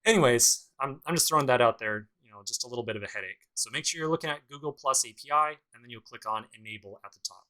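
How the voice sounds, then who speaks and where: A programming instructor speaks fast with few pauses, his mid-range voice bright and forceful, in a low-quality recording. His casual screencast tutorial talks through each step, seasoned with dry sarcastic asides.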